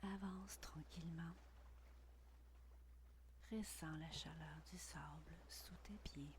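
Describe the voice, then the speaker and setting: A woman whispering a guided meditation intimately, right by the ear, in a breathy, soothing, unhurried voice with long pauses. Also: deep voice, steady tone, a little hiss or hum. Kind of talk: guided meditation, scripted narration.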